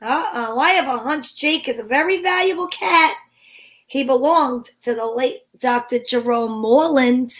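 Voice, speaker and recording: An actress plays a cheeky, flirtatious female private eye narrating her case in a vintage-style radio detective drama. Her high, slightly bright voice moves at a moderate pace with a wry, slangy, hardboiled noir delivery and a teasing, wisecracking mood.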